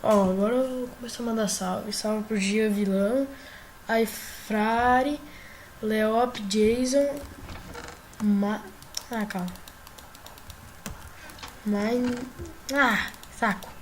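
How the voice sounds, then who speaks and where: Brazilian lady yelling at her game, kinda high voice, slow drawn-out talk, faint keys clacking behind. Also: slight background noise. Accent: Brazilian Portuguese. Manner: excitable, often yelling at the game. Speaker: gaming YouTuber. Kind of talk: casual gameplay commentary.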